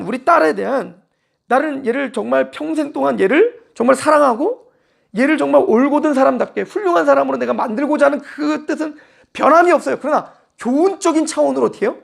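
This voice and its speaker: A man's voice: extremely high pitch, vocal fry. A male pastor preaching a sermon in a church in a conversational style. He mixes casual and polite speech and acts out quoted lines.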